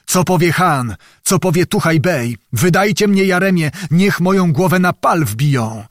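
A man voicing a defeated Cossack hetman with a hoarse voice, roaring in despair. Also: high-pitched, animated, unhurried, dry recording, clean studio sound, voice pushed up. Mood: raging.

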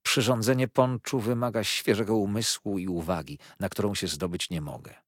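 A man doing a florid, pompous gentleman. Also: on the low side, fairly even intonation, normal speed, no echo, clean studio sound, natural voice. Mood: distraught. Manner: grandiloquent, flowery phrasing; emotional outbursts. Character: pompous, tearful, florid middle-aged gentleman.

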